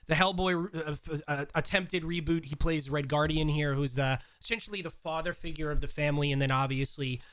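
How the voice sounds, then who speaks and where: A man co-hosting a podcast, chatting casually in a halting way with many restarts while he recalls details. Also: a little high, fairly even intonation, fairly bright tone, clear, resonant tone. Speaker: podcast co-host. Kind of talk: casual chat.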